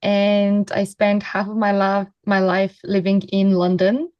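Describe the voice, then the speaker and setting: Woman from bulgaria answering interview questions, pretty flat even tone, dry close sound. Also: medium pitch, measured pace, dry recording, dull audio. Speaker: guest; Kundalini teacher.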